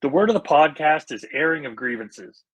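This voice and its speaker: A man's voice: on the high side, lively intonation, moderate pace, slightly rough, poor audio. A man co-hosting a podcast in casual chat, explaining things in an earnest, easygoing way. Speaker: podcast co-host.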